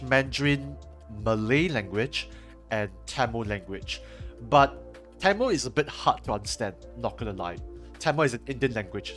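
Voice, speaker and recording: Speaking into a headset from his room at home, a young man with a Singaporean accent and a medium, slightly bright voice chats loosely with his stream audience. He responds to viewer messages as he edits, wandering through his thoughts with frequent fillers and false starts.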